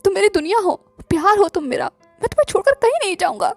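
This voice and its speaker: A woman's voice: high-pitched, quick pace, a little mellow, no room sound, faint music behind. A woman voicing a guilt-ridden young man in love who reassures his partner, as an audiobook character voice. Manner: soothing, reassuring.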